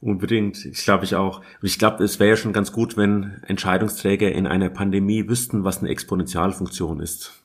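A man's voice: low-pitched, steady tone, brisk, few pauses. A man answering as a guest from industry, thinking aloud and restarting phrases as he searches for the right word. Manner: thoughtful, restarts phrases while searching for words. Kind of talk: conversational interview answer.

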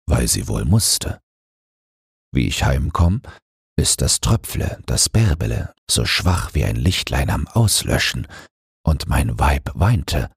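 A man's voice: a little mellow, no echo, studio quality, exaggerated voice. An actor playing a poor, pious river boatman telling his tale in a storybook reading. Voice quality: deep, gravelly.

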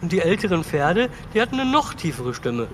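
A man's voice: sits high, very animated, a little fast, fairly bright tone, slight background noise. An actor voicing a cheerful young male foal who talks in casual slang in a children's audio drama. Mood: eager.

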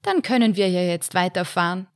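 A woman voicing a brisk oblivious old mother-in-law. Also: on the low side, no echo, clean studio sound, close to an everyday voice. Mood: cheerful.

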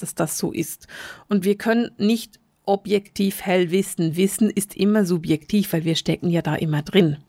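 A middle-aged woman hosts her own podcast, explaining spiritual senses to listeners. She talks very fast and urgently, often repeating words for emphasis. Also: mid-range voice, a little mellow, no room sound, studio quality. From Switzerland, grew up in Bern. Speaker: podcast host, spiritual medium. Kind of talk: solo podcast teaching.

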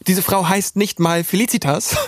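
A man's voice: high-pitched, steady tone, moderate pace, no echo. A young man animatedly telling a personal story as a guest, acting out the dialogue in raised voices.

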